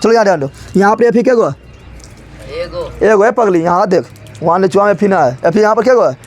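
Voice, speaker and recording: A man's voice: high-pitched, expressive, brisk, faint music behind. A male teacher teaching a chemistry lesson playfully, often asking a question and answering it himself.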